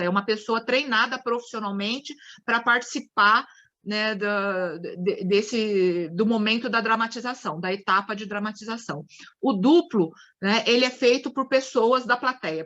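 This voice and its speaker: A woman's voice: fairly high pitch, normal speed, sharp tone, highs cut off. A Brazilian woman lecturing a study group on psychodrama, explaining with acted-out examples and frequent restarts. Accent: Brazilian Portuguese.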